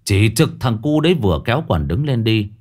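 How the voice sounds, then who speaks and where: A man's voice: fairly low pitch, very animated, a little fast, a little mellow. A man narrating a ghost story in a colloquial, earthy, exclaiming way.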